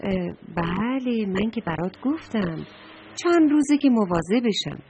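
A woman's voice: medium pitch, lively intonation, a little mellow, close to an everyday voice. Fussy blue trash can from a kids story, a lady voicing it, frets and stammers, faint hiss behind. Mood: fretful. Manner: fretful, emphatic, with many hesitations.

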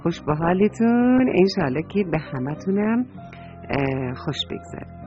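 A woman's voice: fairly low pitch, very animated. A woman telling a children's story, speaking in a lilting way and addressing the children directly. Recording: dull dry recording, soft music.

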